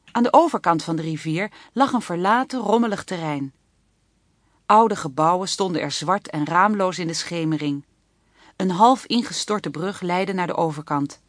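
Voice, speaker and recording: Low-voiced woman narrating a children's book. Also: no room sound, studio quality. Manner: even, clear storytelling. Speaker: audiobook narrator.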